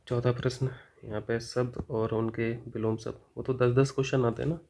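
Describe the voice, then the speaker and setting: A man's voice: medium pitch, flat delivery, brisk, vocal fry, a little mellow, a little hiss or hum. A man teaching grammar, working through exam questions and answering his own questions as he goes. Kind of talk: explaining exam test answers.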